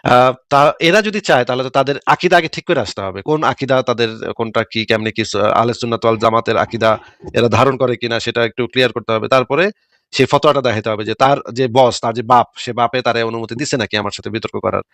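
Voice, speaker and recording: A man hosting a live stream, commenting quickly and mockingly with rhetorical questions. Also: medium pitch, fairly bright tone, dry recording, clean studio sound.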